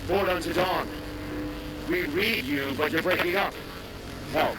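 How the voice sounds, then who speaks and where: A man's voice: on the high side, a little slow. A man voicing a starship radio operator whose transmission keeps breaking up, speaking in terse military radio talk. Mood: urgent. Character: male starship radio operator, urgent and clipped. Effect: broken-up radio transmission. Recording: noisy distant radio line.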